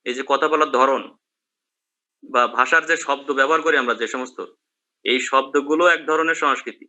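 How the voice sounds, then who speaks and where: Bright-voiced man teaching. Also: medium pitch, fairly even intonation, moderate pace, highs cut off. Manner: explains in questions, checks with students. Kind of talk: online class lecture.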